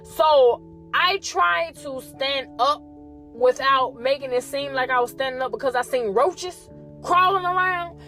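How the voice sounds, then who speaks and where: Brief: young woman podcaster, higher voice, animated and profane storyteller, faint music behind. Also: measured pace. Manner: profane, animated, talks straight to listeners. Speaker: podcast host. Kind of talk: casual storytelling.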